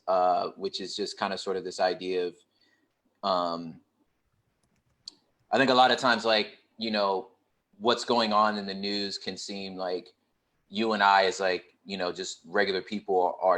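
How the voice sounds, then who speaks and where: Low-voiced man in easygoing chat. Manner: relaxed and conversational, with many fillers and a laugh. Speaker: poet and hip hop artist, podcast host. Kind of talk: casual panel chat.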